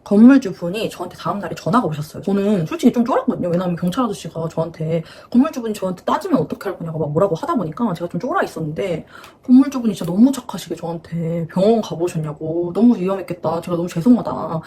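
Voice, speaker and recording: A woman's voice: on the low side, animated, rapid-fire, few pauses, warm tone, a little hiss or hum. A woman in her twenties chatting through a story in a casual vlog. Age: 20s. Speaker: beauty vlogger.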